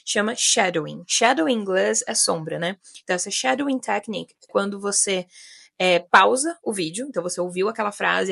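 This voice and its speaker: Gravelly-voiced Brazilian woman teacher. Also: mid-range voice, a bit bright, no room sound, clean studio sound. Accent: Brazilian Portuguese. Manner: chatty, many fillers like né and sabe. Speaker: English teacher. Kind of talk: casual video lesson.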